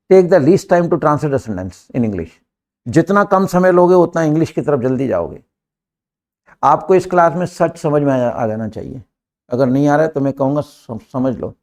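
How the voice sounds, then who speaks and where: A middle-aged man teaching English to a live class, drilling students with brisk commands. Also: a little high, a little mellow.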